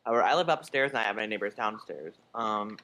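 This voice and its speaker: A man's voice: lowish voice, lively intonation, fast talker, bright, forceful tone. A young man chatting casually with friends on a voice call, rambling with many fillers.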